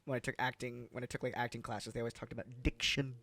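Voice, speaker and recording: A man's voice: medium pitch, little pitch movement, quick pace, vocal fry, bright, forceful tone, no room sound. A man co-hosting a podcast in casual chat, enthusiastic and talkative. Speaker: podcast co-host.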